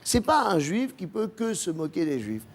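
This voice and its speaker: A male comedian chatting as a talk-show guest, lively and digressive, full of quick self-mocking asides. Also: high voice. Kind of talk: animated talk-show chat.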